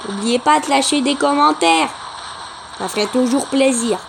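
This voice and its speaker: High-voiced excitable woman commentating gameplay. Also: normal speed, vocal fry, background noise. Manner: chatty, excitable, talks to viewers and opponents. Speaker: gameplay channel host.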